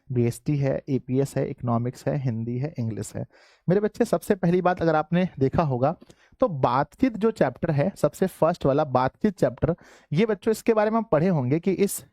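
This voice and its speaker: A male teacher leads an online class, his voice sitting a little high for a man. He keeps calling out to his students and answers his own questions. The sound is dry and close, with little room in it. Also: a little mellow, dry recording.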